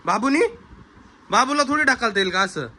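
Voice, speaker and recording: A man's voice: very high-pitched, animated, normal speed. A man chatting in a casual family vlog, often exclaiming, questioning children and turning to tell his viewers what happened. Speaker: vlogger. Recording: noisy background with ambient sound.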